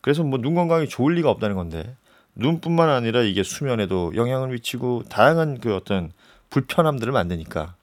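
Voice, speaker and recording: A man's voice: mid-range voice, fast, no room sound. Guy hosting a radio chat, laid back, voice rises and falls a lot, dry studio sound. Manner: relaxed, conversational, frequent backchannel. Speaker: radio host.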